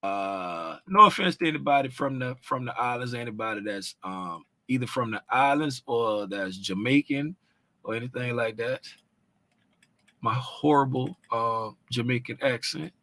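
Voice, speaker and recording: Talking at normal speed in a sharp, mid-range voice, the man explains trading charts conversationally, and there's no room sound. His delivery is loose and informal with restarts, punctuated by "right?" and "you know what I'm saying?"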